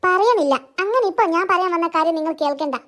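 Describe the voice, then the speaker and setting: A woman's voice: very high voice, expressive, fast talker, fairly bright tone. A woman voicing a bickering, sarcastic housewife in a cartoon. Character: nagging, sharp-tongued cartoon housewife.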